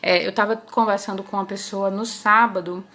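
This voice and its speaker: Woman, casual host, conversational, tag-question habit, medium pitch. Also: steady tone, brisk, sharp tone. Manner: chatty, conversational, often ends phrases with "né?" and "tá?". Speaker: parenting channel host. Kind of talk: casual talk to camera.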